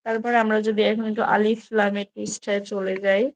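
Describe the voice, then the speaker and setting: A woman speaks, her talk hesitant and full of fillers. Her pitch stays flat and level through the casual explanation. When she reads verses, she slows into a long, drawn-out chant. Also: no echo, dull audio. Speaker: video creator comparing Quran editions. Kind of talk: casual explanation with slow recitation.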